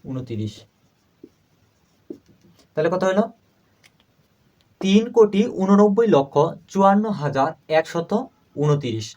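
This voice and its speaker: Man slowly repeating numbers in a lesson. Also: sits high, expressive, a little mellow, highs cut off. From Bangladesh. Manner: asks and answers his own questions, repeats numbers slowly. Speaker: math teacher. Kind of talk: step-by-step math lesson.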